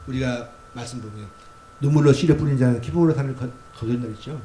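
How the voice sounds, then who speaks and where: A man's voice: medium pitch, fast. A male pastor giving a Sunday sermon in a church sanctuary. He preaches in a conversational way, with many fillers and acted quotes. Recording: roomy church sound with faint hum.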